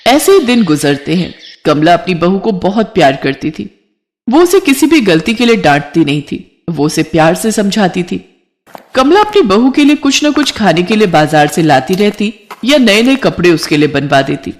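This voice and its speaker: Woman narrating a moral story. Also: mid-range voice.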